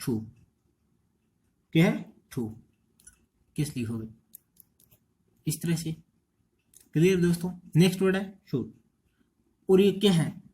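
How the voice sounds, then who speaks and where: Mellow-voiced Indian man teaching. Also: a little high, animated, takes it slowly, long pauses. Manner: repetitive, quizzing students rhetorically. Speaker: English teacher. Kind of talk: exam-prep lecture.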